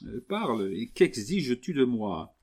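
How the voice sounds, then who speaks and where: A man's voice: mid-range voice, very animated, measured pace, darkish tone, pitched above the performer's own voice. A man voicing a guilty young husband who pleads fervently with his wife, in a French audiobook reading. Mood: pleading.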